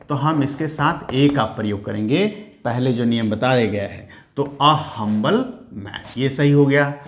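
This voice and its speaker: A man teaching a grammar lesson, who explains slowly and repeats each point as a question to his students. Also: mid-range voice. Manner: slow, repeats key words as questions to the class. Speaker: English teacher.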